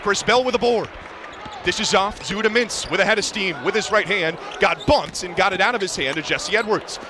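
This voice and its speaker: Live basketball commentary comes from a man whose voice sits high and moves at normal speed. Positioned courtside in a large indoor arena, he narrates each moment in clipped, colorful phrases while loud crowd noise and a dribbling ball fill the background.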